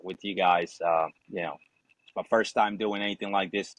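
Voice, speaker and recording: This low-pitched man talks at a normal speed with fairly even intonation and a fairly bright tone. He's a Spanish-speaking Ecuadorian Marine veteran in his forties, appearing as a podcast guest and sharing his story informally, peppered with curses, "you know," and "obviously." The audio is dry and rough.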